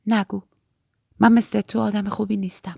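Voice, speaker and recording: Woman narrator playing a guarded young trainee, soft and restrained, dry close sound. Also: mid-range voice, level tone, vocal fry, slightly rough, no room sound.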